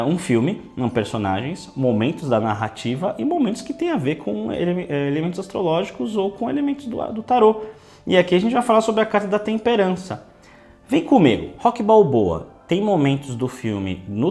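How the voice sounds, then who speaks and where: This tarot teacher and channel host leads a relaxed video lesson in a mid-range, darkish voice that dry air has made a bit rough. Chatty throughout, he tags many of his sentences with a questioning "né".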